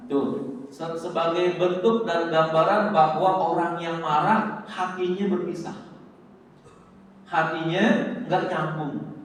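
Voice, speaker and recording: A man preaching, quoting Arabic and joking as he acts out angry speech. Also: on the high side. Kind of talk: mosque sermon with Arabic quotations. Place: mosque hall. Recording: echoey hall, distant mic, faint noise.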